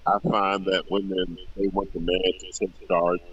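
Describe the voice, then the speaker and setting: A man talking casually on an online call whose audio keeps breaking up. He speaks haltingly, with many fillers. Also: low voice, level tone, fairly bright tone, husky. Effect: choppy online call audio, breaking up. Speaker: panelist. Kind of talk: casual panel chat. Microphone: video call. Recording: muffled distant call audio with faint hiss.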